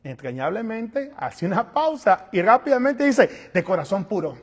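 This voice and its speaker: A male pastor preaching a sermon, animated, moving between quiet asides and loud calls, and acting out little scenes. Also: high voice, moderate pace, big-room sound. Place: church sanctuary.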